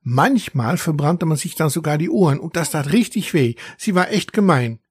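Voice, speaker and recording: A man voicing a boastful young male dragon who tells his tales with indignant, lively gusto. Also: fairly high pitch, normal speed, slightly rough, no room sound, clean studio sound. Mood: indignant boasting.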